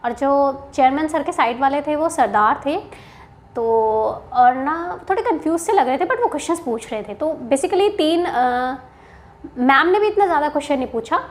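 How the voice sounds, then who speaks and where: High-voiced chatty young woman. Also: lively intonation, normal speed. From Haryana, India. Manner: chatty, mixes Hindi and English, frequent "theek hai" asides. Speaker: bank officer sharing interview experience. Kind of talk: casual storytelling to camera.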